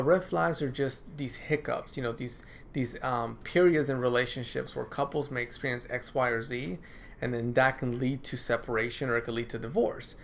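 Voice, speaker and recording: Speaking casually to the camera in his office, this male counselor has a medium-pitched voice with vocal fry. His throat is dry and he clears it, and his conversational talk is full of repeated phrases and frequent "right?"s, over slight background noise.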